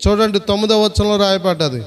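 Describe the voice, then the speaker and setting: A man's voice: high-pitched, fast talker. A man preaching a sermon as pastor, repeatedly urging the congregation to answer aloud. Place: prayer hall. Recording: long hall reverb.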